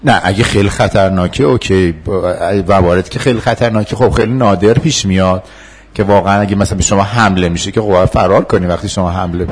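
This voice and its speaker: A man's voice: deep voice, husky. A man teaching a class in a conversational way, often laughing and acting out how to answer upset students. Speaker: instructor. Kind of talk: classroom lecture with role-play.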